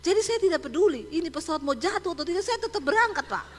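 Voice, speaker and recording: A woman's voice: very high voice, animated, fast, a little hiss or hum, voice pushed up. A woman voicing a proud, indignant middle-aged man who talks in an insistent, defiant way. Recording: echoey hall.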